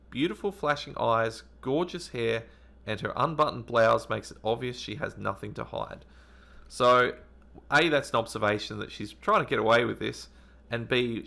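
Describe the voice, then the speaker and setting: A man with a mid-range, creaky, sharp-toned voice hosts a retro gaming channel, giving let's-play commentary. He reads game text aloud and thinks aloud with hesitant ums as he plays.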